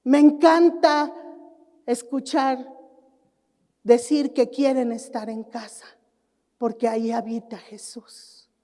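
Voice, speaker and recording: A middle-aged woman pastor with a high, mellow voice preaches at an unhurried pace. She tells her stories with animation and acts out other people. Her voice rings with the long reverb of a church hall. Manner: animated storytelling, acting out neighbors. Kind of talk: sermon. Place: church sanctuary.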